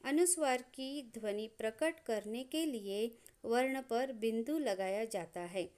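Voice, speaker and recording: Slow, high-voiced woman teaching grammar. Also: a little mellow. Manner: measured, spells out sounds one by one. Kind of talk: slow explanatory lesson.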